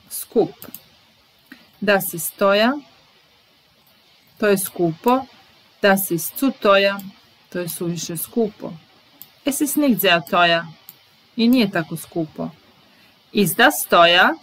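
Slow, careful woman teaching German words. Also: mid-range voice, expressive, a bit bright, poor audio. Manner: reads each German example, translates it, then repeats it. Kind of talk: slow bilingual vocabulary lesson.

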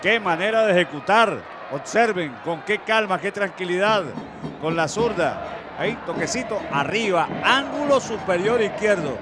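A man working as color commentator, calmly breaking down each penalty in detail. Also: high voice, moderate pace, noisy background. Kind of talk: football analysis commentary. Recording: broadcast with crowd and music behind.

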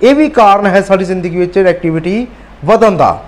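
A man with a notably high-pitched voice gives a motivational talk. He is earnest and exhorting, and he hammers points home by repeating them. He speaks straight to his listeners as friends. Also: fairly quick. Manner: addresses listeners directly as friends.

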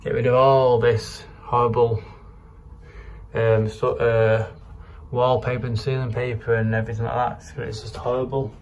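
Medium-pitched, a little mellow and flat, a man in his thirties walks through the rooms of a house at a moderate pace, narrating his home renovation vlog in a rambling, informal, matter-of-fact way. The audio is dull and carries noticeable background noise, captured indoors by a handheld camera or phone at arm's length.

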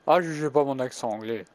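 A young man musing through gameplay commentary as a gaming YouTuber, hesitant and chuckling to himself. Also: a little high. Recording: music playing behind.

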